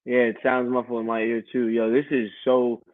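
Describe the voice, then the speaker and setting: A man's voice: medium pitch, completely flat delivery, moderate pace, no echo. A young man chatting casually as co-host, flustered and apologetic about his gear, his voice muffled as if heard through a wall. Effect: muffled, dull mic sound as if heard through a wall. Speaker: co-host of a live sports stream. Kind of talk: casual chat. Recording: muffled lo-fi mic, distant.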